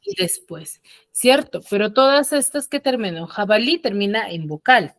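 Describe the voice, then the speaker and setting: A woman's voice: mid-range voice, expressive, moderate pace, fairly bright tone, no room sound. Patient woman teacher, dry close sound. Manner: patient, asks frequent check questions. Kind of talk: online class explanation. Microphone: computer mic on a video call.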